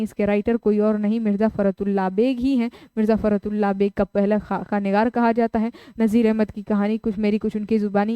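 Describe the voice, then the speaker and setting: A woman teaching a live online exam-prep class, who briskly reads out the options, repeats the answers aloud and urges her students to reply in the chat. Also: on the high side, dark tone, clean tone, no echo.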